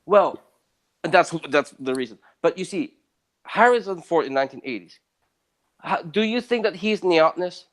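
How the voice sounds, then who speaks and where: Speaking at a normal rate, this Southern Italian man sounds animated and emphatic as a casual interview guest, with big shifts in both pitch and volume.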